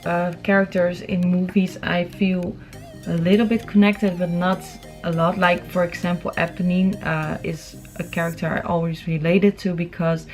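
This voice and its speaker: A young adult woman answers viewer questions in a casual vlog, chatting informally to camera in a room at home. Her voice is fairly low and darkish, with a flat delivery at a moderate pace, and faint music sits behind it.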